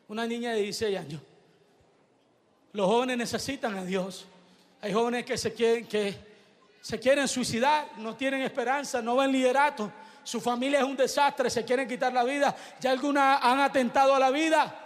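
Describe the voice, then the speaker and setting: A man preaching a fiery sermon, shouting in bursts and repeating phrases. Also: very high voice, long reverb tail.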